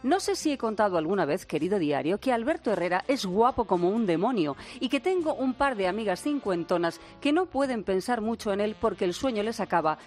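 A woman host reads out a comic diary segment on the radio, wry and playful, with faint music under her. Her pitch sits in an ordinary middle range. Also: animated, brisk, few pauses, darkish tone. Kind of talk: humorous radio diary column.

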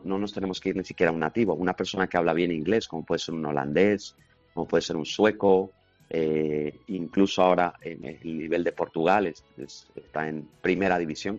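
A man's voice: sits low, darkish tone, dry recording. A man, answering interview questions as a language teaching expert, confident and explanatory. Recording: slightly dull lo-fi recording.

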